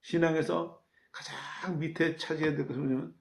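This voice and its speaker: A man's voice: fairly high pitch, fairly even intonation, a little fast, vocal fry. A man pastor preaching a sermon, stressing his points with rhetorical questions and repeated key words.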